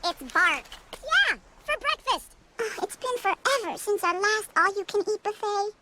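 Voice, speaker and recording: Squeaky cartoon chipmunks. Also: expressive, moderate pace, very noisy. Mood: chipper. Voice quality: sped-up squeaky voice. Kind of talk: animated film dialogue. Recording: film clip under loud music.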